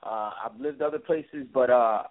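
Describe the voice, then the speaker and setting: A man giving conversational sports analysis as a boxing pundit, in a halting delivery full of filler words. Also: mid-range voice. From Brooklyn, New York. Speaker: guest boxing writer and analyst. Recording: tinny phone-like line.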